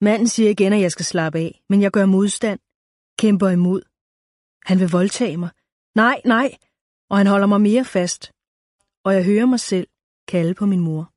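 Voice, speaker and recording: A woman reading a first-person story aloud in a calm, measured, intimate way. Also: mid-range voice, dry recording, clean studio sound. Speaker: narrator. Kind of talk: first-person audiobook narration.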